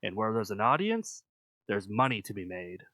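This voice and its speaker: Lively-pitched man narrating a video essay. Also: normal speed, dry recording. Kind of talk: scripted narration.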